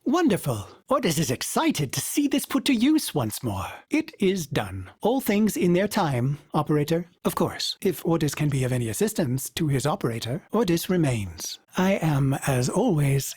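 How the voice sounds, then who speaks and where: A performer plays a polite, fussy male starship AI who refers to himself in the third person, his voice run through a glitchy synthetic filter. The delivery is sing-song and courteous, with dry wit, a wistful tone, and sudden pitch jumps, at normal speed with few pauses. The voice is husky and darkish, with no room sound, in the style of game character voice lines.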